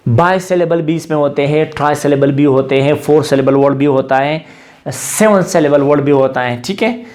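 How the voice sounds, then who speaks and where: A man's voice: a little high, normal speed, darkish tone. A man teaching English grammar in a classroom-style lecture, asking questions and answering them himself, slipping into English phrases.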